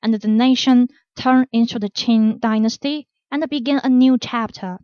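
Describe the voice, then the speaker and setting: A woman hosting a storytelling podcast, reading a scripted story in a plain, unhurried way with small grammar slips. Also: a little high, fairly even intonation, dry recording. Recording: dull, dry lo-fi recording.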